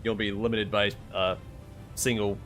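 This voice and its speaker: Male game streamer, low pitch, casual chatty commentary, light music behind. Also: flat delivery, unhurried, fairly bright tone. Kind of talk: casual gameplay commentary, answering chat.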